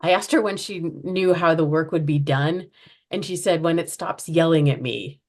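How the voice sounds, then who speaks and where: Her voice sits low with a darkish tone and a moderate pace. She's an American project founder being interviewed on a podcast, sincere in manner and frequently starting over as she hunts for the right word.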